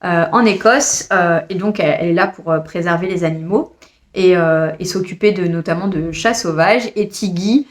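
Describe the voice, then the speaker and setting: Expressive woman reviewing her monthly reads. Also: fairly low pitch, normal speed. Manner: expressive, exasperated, addresses the author directly. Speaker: book reviewer. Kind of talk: casual monthly reading review.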